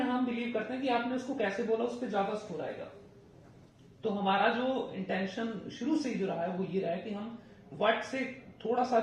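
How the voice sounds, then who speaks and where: Young male exam coach, high voice, emphatic lecturing, recorded far off the mic in a boomy, reverberant room. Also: darkish tone. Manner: emphatic, mixes Hindi with English phrases. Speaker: PTE exam trainer. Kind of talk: classroom-style lecture. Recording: echoey room, voice from a distance.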